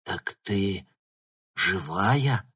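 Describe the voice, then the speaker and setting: Shy village kid in an audiobook, husky murmur; a man voices him. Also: mid-range voice, steady tone, moderate pace, pitched above the performer's own voice, lightly acted. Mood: dazed. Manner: murmuring and hesitant. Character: timid, shaken village kid. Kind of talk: audiobook reading.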